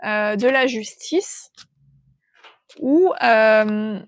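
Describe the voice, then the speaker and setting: A woman giving an intuitive tarot reading, thinking aloud in a gentle, hesitant way as she feels out the cards. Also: on the high side, expressive, drawn-out words. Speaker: tarot reader.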